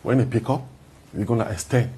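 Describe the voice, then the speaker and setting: A man from Cameroon, a coffee roaster guest, talking in halting, short plain sentences in a casual interview. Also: medium pitch, mellow, breathy edge.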